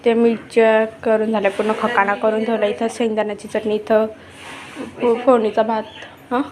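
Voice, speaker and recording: A woman's voice: fairly high pitch, level tone, moderate pace, a crowd in the background. A woman vlogging casually, chatting to viewers as she shows her family's morning around the house. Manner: chatty, showing things around to the camera. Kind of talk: casual vlog narration to viewers. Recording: noisy outdoor ambience.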